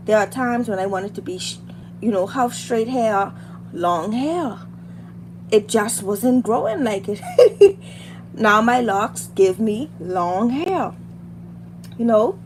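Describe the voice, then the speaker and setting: A beauty and hair content creator with a Bahamian accent and a mid-range voice chats on her livestream as she does her makeup. Her talk is casual, encouraging girl talk that leans on repetition for emphasis, though loud background noise competes with her.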